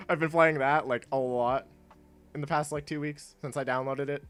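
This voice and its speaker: A congested young man chatting in a low-key, rambling way while streaming a game, laughing often. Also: fairly even intonation, measured pace. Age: young adult. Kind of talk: casual gameplay stream chat. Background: quiet game music.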